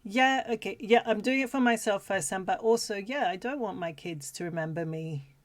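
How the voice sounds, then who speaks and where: A young woman co-hosting a casual chat, speaking reflectively and haltingly. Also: mid-range voice. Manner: halting, many fillers and restarts, reflective. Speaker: podcast co-host.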